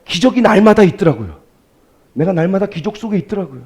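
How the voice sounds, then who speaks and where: A male pastor preaching a sermon, shifting between soft storytelling and loud, emphatic exclamations, asking the congregation rhetorical questions. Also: high-pitched, animated, fast talker, breathy edge. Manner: addresses congregation directly, asks rhetorical questions.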